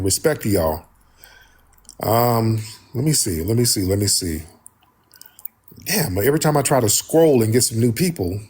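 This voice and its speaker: A man's voice: lowish voice, a little mellow, breathy edge. An American man hosting a casual live talk, speaking in a blunt, colloquial way. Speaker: host.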